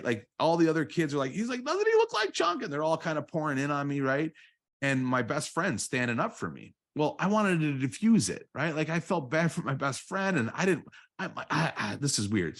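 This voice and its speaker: A man in his forties, a guest on a podcast, telling a candid personal story in a halting way, repeating words and often asking "right?". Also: lowish voice. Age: 40s. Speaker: guest, real estate coach.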